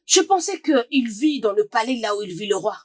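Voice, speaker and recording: A woman's voice: a little high, lively intonation, moderate pace, no room sound, studio quality. Field: a woman playing a sly, meddling friend. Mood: placating. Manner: teasing, mocking. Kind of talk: dubbed film acting.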